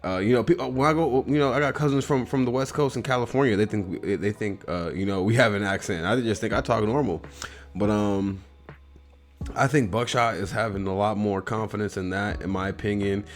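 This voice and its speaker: A man with a Midwestern US accent talks through an album review in a loose, rambling way, swearing freely. His voice sits a little low, and soft music plays faintly behind him. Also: fairly quick. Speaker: host.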